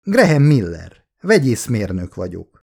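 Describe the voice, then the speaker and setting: A man's voice: lowish voice, very animated, creaky, darkish tone, slightly rough, heavily acted. A man voicing a nervous, awkward middle-aged male chemical engineer and father in an audiobook, with eager, fretful questions. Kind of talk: audiobook character voice.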